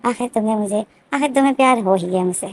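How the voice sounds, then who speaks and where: Woman voicing a smug young guy, teasing, insistent, fast, slightly high, fan-fiction retelling. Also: a little hiss or hum, close to an everyday voice. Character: teasing, persistent young man, playful and smug.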